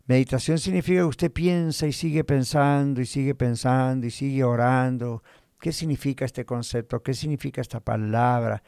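A man's voice: medium pitch, fairly even intonation, normal speed, gravelly, darkish tone, smooth, no room sound, studio quality. A man pastor giving a teaching sermon, talking straight to the listener, leaning on repetition and homely everyday examples. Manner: earnest, repetitive, addresses listener directly.

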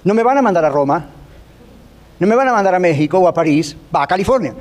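High-voiced man preaching with playful asides. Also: animated, quick pace, darkish tone. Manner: storytelling, playfully acts out little voices; mixes in English phrases. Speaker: radio preacher. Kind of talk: conversational radio sermon.

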